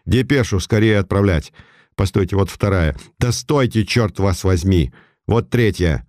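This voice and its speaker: A deep, dark-voiced, hot-tempered old police chief barks curt orders and flares up at his own mistakes, as a male narrator puts him on. The voice sits low and mellow, recorded close and dry, with no room sound. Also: measured pace, no room sound. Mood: furious. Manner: curt, commanding, explosive.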